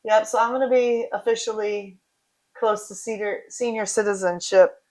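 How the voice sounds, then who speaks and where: Forties woman rambling thru a casual livestream, reading viewer comments, chatty, middle pitch. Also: fairly even intonation, moderate pace, darkish tone. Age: 40s. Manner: chatty and rambling, drifting between asides.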